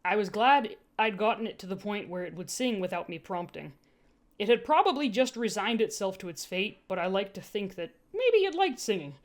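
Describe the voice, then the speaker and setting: Reading first-person fiction aloud as an amateur, a woman speaks at a moderate pace in a medium-pitched voice with big pitch swings. She keeps things informal, pausing to laugh and toss in casual asides.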